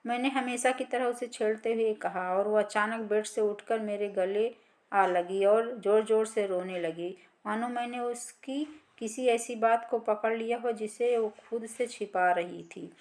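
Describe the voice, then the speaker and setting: A woman narrating a family story in a calm, steady read-aloud manner. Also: on the high side, a little slow.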